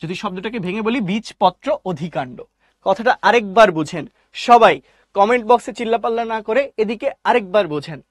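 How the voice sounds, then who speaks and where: A man teaching a live online biology class, repeating key terms slowly and quizzing his listeners. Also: high voice, expressive, no room sound, studio quality.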